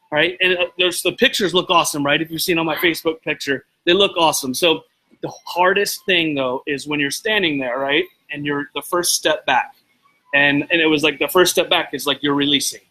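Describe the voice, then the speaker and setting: A man talks straight to his live viewers in a loose, rambling style. His voice sits a bit high and has a bright, forceful edge. He gets excited as he goes and breaks off to greet people by name. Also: fairly quick, rough recording. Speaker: host of a live video show. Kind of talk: casual motivational talk to live viewers.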